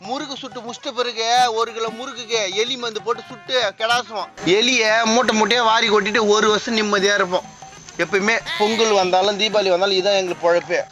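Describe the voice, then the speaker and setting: A man's voice: sits high, steady tone, quick pace, over music. A man acting in a village comedy sketch, bossy and scolding, demanding answers.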